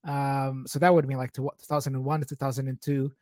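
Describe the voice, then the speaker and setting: Speaking fast with a flat, slightly mellow delivery, this mid-range-voiced man from Portugal, a native Portuguese speaker in his forties, rambles casually about personal matters as a podcast guest. The sound is clean studio audio without echo.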